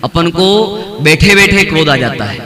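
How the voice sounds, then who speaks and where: A man's voice: fairly high pitch, expressive, normal speed, sharp tone. A man giving a religious discourse as a pandit, preaching in a conversational way that often repeats phrases and addresses listeners by name. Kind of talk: sermon. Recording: noisy crowd in the background.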